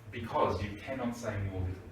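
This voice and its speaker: Picked up by a faraway mic in an echoey room with a bit of background noise, a man leads an English grammar lesson. His mid-range voice moves briskly, and he keeps patiently asking "right?" to confirm the class is following.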